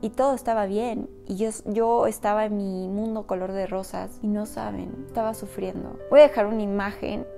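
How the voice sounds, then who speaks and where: An earnest woman speaks openly to her audience in a confessional vlog, her voice sitting at an ordinary middle pitch. Soft music plays faintly underneath her words. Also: steady tone, normal speed, gravelly, few pauses. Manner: earnest, addresses viewers directly. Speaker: vlogger. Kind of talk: personal confessional talk to camera.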